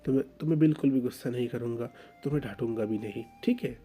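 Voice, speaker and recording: A man voicing a possessive young fiancé who talks in a soft, coaxing, soothing way. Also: medium pitch, fast, faint music behind, natural voice.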